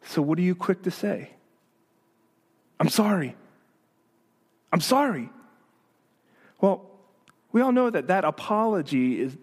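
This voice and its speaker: A male pastor preaches a sermon animatedly and emphatically, acting out the voices of the people he quotes. His voice is on the high side.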